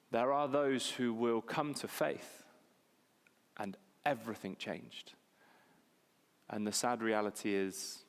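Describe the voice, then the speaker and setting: Preaching in a church hall whose long reverb fills the recording, a pastor in his 40s speaks in a mid-range, slightly bright voice. His sermon is conversational and self-mocking, with key phrases repeated for emphasis.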